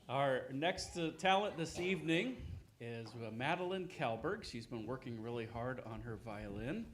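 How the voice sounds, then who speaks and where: A man acting as master of ceremonies, giving informal, halting, unscripted introductions at a talent show. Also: medium pitch, a little hiss or hum.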